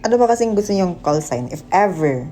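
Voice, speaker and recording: A man's voice: high voice, very animated, a little fast, warm tone, poor audio. Playful young man livestreaming. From Philippines. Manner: playful, teasing, laughs at himself, mixes Tagalog and English. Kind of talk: casual livestream chat.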